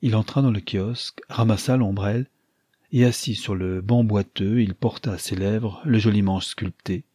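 A man narrating an audiobook in a calm, measured reading. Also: on the low side, slightly rough, no room sound, studio quality.

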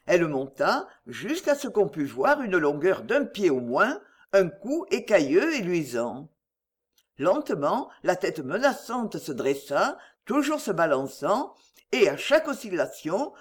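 A narrator reading a novel aloud in a measured, expressive storytelling voice. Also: mid-range voice, husky.

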